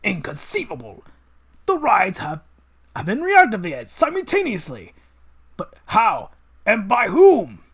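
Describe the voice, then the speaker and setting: A man's voice: sits high, huge pitch swings, unhurried, vocal fry, pauses often, fairly bright tone, slightly rough, pitched above the performer's own voice, exaggerated voice. A man voicing a grandiose, scheming villainous mad scientist in a pompous, theatrical way for a comic read-along. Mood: outraged.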